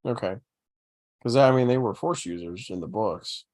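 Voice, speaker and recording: A man co-hosting a casual watch-along livestream, making joking asides and quick reactions. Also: on the low side, a little mellow, no echo. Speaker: podcast co-host.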